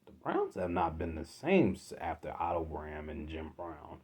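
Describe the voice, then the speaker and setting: A man from Philadelphia hosting a solo sports podcast, exasperated, swinging from loud outbursts to low muttering. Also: very animated, moderate pace, slightly rough. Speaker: podcast host.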